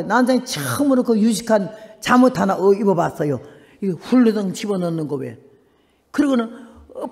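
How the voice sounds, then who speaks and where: An older woman, a missionary, telling an emotional testimony in a sermon with dramatic storytelling, acting out voices and shouting at times. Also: on the high side. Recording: long hall reverb.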